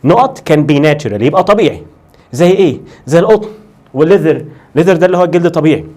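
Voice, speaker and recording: A man with an Egyptian Arabic accent teaching an English lesson, switching between Arabic and slow, drilled English words and voicing students' questions himself. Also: a little high, darkish tone. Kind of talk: lively classroom lesson.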